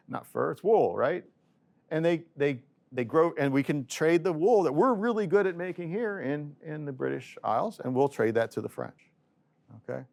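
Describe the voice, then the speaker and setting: Man, middle-aged, economics professor, lecturing, playful, storytelling, mid-pitched voice. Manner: lively, joking storyteller voicing quoted arguments. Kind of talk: classroom lecture.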